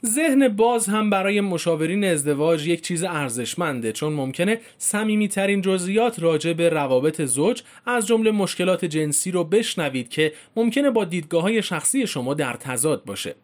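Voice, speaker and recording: A man's voice: high voice, animated, hardly any pauses. A man reading a formal informational script as a narrator, with casual spoken word endings.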